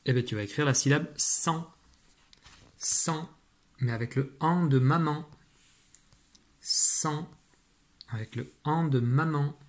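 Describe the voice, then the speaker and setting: A primary school teacher, male, leads a spelling dictation with a mid-range voice at a moderate pace and few pauses. Patiently, he explains each step while talking to the pupil.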